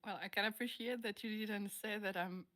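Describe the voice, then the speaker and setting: A woman's voice: medium pitch, fairly even intonation, normal speed, sharp tone. A woman from France, a native French speaker, chatting casually in an interview about her music and laughing often as she searches for English words.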